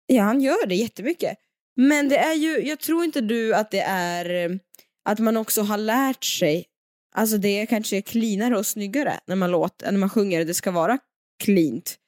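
A woman's voice: mid-range voice, a little mellow, dry recording, studio quality. A young woman co-hosting a podcast in casual chat, enthusiastic and chatty. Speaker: podcast co-host.

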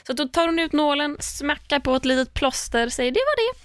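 A woman's voice: sits high, fairly even intonation, no echo, studio quality. A woman telling a personal story in casual chat, laughing often, swearing casually and acting out what others said.

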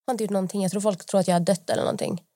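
A woman's voice: mid-range voice, steady tone, dark tone, no room sound, studio quality. A young woman co-hosting a podcast, telling rambling stories in casual chat, full of fillers and acted-out quotes. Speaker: podcast co-host.

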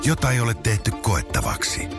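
Mock-ad voice-over: a very deep, pompous announcer, played by a man, with swooping pitch over loud music. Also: huge pitch swings, gravelly, exaggerated voice. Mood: grandiose. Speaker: ad narrator.

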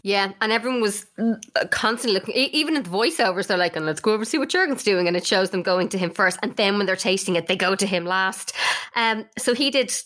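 A woman co-hosting a podcast in a relaxed, chatty way. She talks at a mid pitch and tells her story with lively turns. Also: fast. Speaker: podcast co-host. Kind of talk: casual chat.

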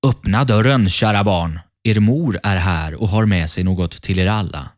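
A man's voice: low voice, close to an everyday voice. A man voicing a sly, hungry male wolf who raises his voice to pass as a mother goat. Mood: wheedling. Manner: wheedling, falsely sweet.

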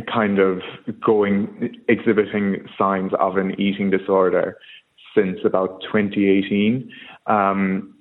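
A man with an Irish accent from Kerry giving a personal account in a radio interview, speaking in a hesitant, halting way. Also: sits low. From Kerry, Ireland. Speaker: radio phone-in guest. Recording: muffled narrow-band call.

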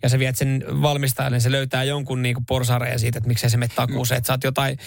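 A man's voice: medium pitch, monotone, gravelly, dry recording, studio quality. A man co-hosting a radio morning show, teasing and quizzing his co-host in casual banter. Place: radio studio. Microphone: studio microphone.

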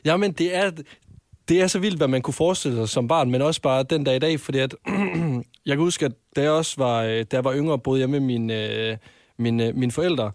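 A man recalls a childhood memory in easygoing conversation, pausing often with ums and restarts. His voice is medium in pitch and sounds close and dry. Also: no room sound. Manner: reacts with short agreements, then tells his own memory with hesitations. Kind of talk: casual chat.

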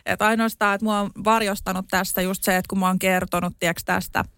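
A woman's voice: mid-range voice, level tone, creaky, a bit bright, no room sound, clean studio sound. A young woman co-hosting a podcast, chatting casually and retelling a story with lots of fillers. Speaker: podcast co-host. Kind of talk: casual chat.

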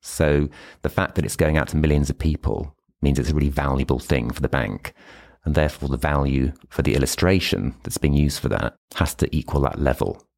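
A man's voice: a bass voice, a little fast, creaky, darkish tone. A British man speaking as an expert podcast guest in a meeting room, explaining things step by step with examples. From United Kingdom. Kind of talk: explanatory interview talk.

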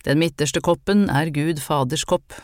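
The character here is a stern old woman folk healer giving brusque, matter-of-fact orders gruffly, read aloud by an audiobook narrator. The narrator's medium-pitched, darkish voice stays close to an everyday voice, captured in studio quality without echo.

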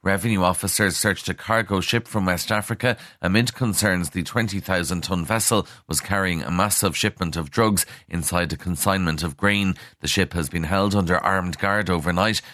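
Very deep-voiced Irish newsreader, a man. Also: moderate pace, few pauses, a bit bright, no echo, studio quality. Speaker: news reader. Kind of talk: scripted radio news bulletin. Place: dry studio.

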